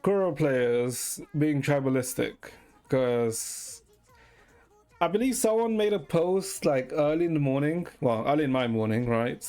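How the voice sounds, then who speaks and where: Animated but a little slow, a dark-toned mid-range voice belongs to a live streamer chatting in a meandering, hesitant way. Sentences often close with "right?", with some swearing mixed in.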